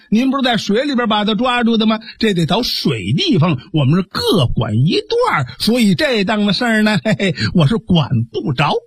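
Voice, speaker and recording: A man's voice: sits high, breathy edge, no echo, studio quality, heavily acted. A man voicing a short, skinny, wily male village constable who talks in a sly, chuckling, wheedling way.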